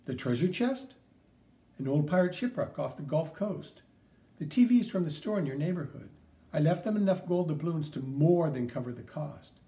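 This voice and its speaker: Guy doing a heroic cartoon mouse, steady and encouraging, warm tone. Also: a little high, normal speed. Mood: earnest. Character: heroic flying cartoon mouse, male, earnest. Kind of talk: audiobook character reading.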